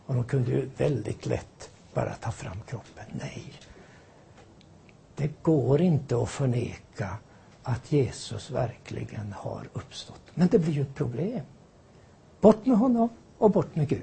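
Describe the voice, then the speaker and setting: Older male preacher, husky and mellow. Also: mid-range voice. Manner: animated, rhetorical questions, folksy asides. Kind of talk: sermon.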